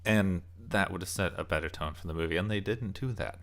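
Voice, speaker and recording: His voice sits low yet has a fairly bright tone, and he talks briskly. As a video essayist and game reviewer, he delivers casual, loosely scripted, opinionated commentary that rambles slightly and punches key words.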